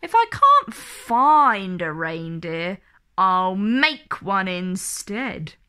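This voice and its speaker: A woman voicing a sour, scheming old male storybook creature, with a snarling, drawn-out, gloating delivery. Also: mid-range voice, big pitch swings, bright, forceful tone, smooth, voice pushed down, full character voice. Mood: sly resolve. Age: older.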